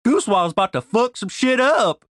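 A woman's voice: fairly high pitch, lively intonation, brisk, dry recording, clean studio sound, pitched above the performer's own voice, natural voice. A man voicing a tough, crude, swearing woman fighter with blunt folksy slang. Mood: wry.

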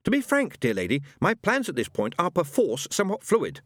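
A man voicing a fussy, elaborately polite angel who speaks like a refined English gentleman. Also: high voice, huge pitch swings, a little fast, no echo, clean studio sound, pitched above the performer's own voice, exaggerated voice. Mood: prim.

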